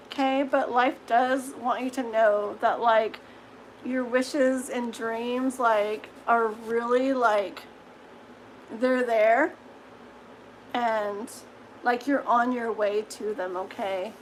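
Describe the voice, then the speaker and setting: During a live-stream tarot reading, a woman speaks in a chatty, reassuring way, ending sentences with "okay?" and giggling easily. Her voice is a little high, and the poor-quality audio carries some hiss or hum.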